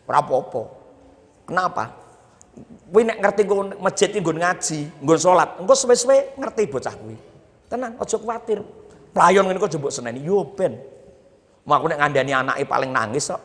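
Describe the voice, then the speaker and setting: A man's voice: a little high, lively intonation, normal speed, long pauses, fairly bright tone, big-room sound. A man with a Javanese accent giving a humorous Islamic sermon at a boarding school, teasing the audience as he preaches. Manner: jokey, teasing the audience, mixing Javanese and Indonesian.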